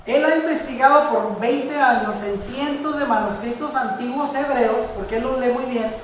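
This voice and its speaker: A man teaches his listeners in a relaxed sermon, throwing them questions and calling them brother. He sounds far from the microphone, and the room echoes heavily around him. A faint noise runs underneath. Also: extremely high pitch, moderate pace. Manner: asks rhetorical questions, addresses listeners as brother. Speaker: religious teacher. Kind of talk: conversational sermon.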